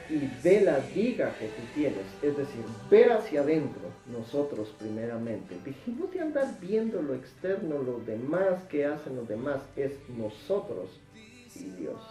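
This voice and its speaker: A male preacher gives an emphatic Bible teaching, his pitch rising and falling in lively swings and his words repeated for stress. His voice is mellow and unhurried. He sounds distant from the mic in an echoey room, with faint music underneath.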